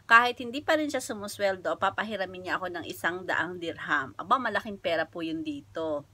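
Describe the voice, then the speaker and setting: Bright, giggly Filipino woman vlogger. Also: on the low side, a little fast. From Philippines. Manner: giggly, laughs often between lines; chatty, addresses viewers directly. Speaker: vlogger making prank calls. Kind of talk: casual chat. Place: home flat.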